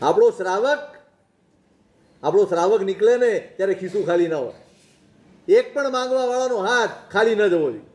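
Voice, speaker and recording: High-pitched guy giving a sermon, keeps throwing out rhetorical questions and telling little stories, echoey room. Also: animated, normal speed, pauses often, a little mellow. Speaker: Jain monk preacher. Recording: roomy echoing recording.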